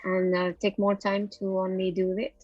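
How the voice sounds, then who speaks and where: A middle-aged woman with a French accent talks in a relaxed interview, often pausing on fillers while she gathers her thoughts. Her voice sits at an ordinary pitch, recorded dry and a little dull, with faint music underneath. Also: no echo. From France. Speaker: photographer guest. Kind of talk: casual interview over a call.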